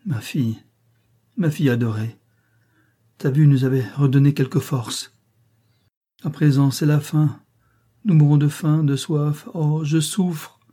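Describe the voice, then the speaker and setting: A man reading aloud, voicing a gentle, starving Spanish mother who speaks softly and with pain. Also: a little high, steady tone, measured pace, long pauses, husky, voice pushed up. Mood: suffering. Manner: soft, murmuring, pained.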